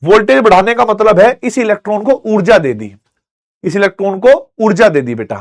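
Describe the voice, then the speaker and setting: A man's voice: sits high, fairly quick. A male teacher giving a classroom lecture, telling stories and making sound effects to explain a point. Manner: animated storytelling with sound effects.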